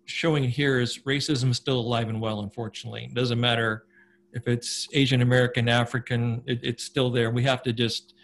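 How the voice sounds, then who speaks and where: A man's voice: mid-range voice, flat delivery, brisk, slight background noise. A man speaking as an interviewer in an earnest, conversational way. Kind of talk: casual interview talk.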